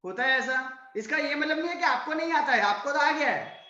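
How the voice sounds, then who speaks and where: A man's voice: very high voice, lively intonation, a little fast, pushed and bright, reverberant, lo-fi sound. A male college lecturer with a Gujarati accent, teaching an online class and checking in with his students again and again. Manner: mixes Hindi, Gujarati and English, asks "right?" often.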